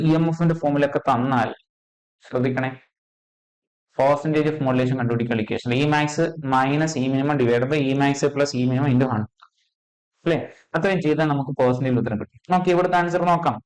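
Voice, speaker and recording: Male tutor, slightly higher voice, keeps asking if students follow. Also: darkish tone, rough recording. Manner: checks in constantly with quick questions, repeats key terms. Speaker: physics teacher. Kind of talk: exam-prep lecture.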